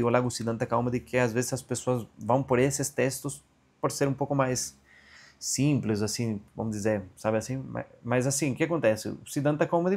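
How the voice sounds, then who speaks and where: A man's voice: on the high side, darkish tone. A man teaching an online Sanskrit grammar class over a video call, explaining patiently and often checking in with "entende?". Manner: slow chanted recitation of a verse.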